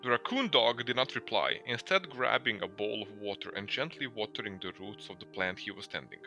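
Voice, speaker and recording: A man reading a game's story aloud to friends in an expressive storybook manner. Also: on the low side, a little fast, soft background music. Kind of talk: reading game text aloud.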